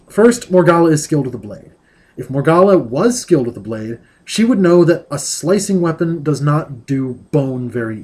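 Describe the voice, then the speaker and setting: A man with a slightly higher-than-average voice who reads a book aloud. He keeps stopping to pick apart the prose in a dry, digressive, nitpicking way. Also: darkish tone. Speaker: book critic reading aloud. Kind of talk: reading with critical commentary.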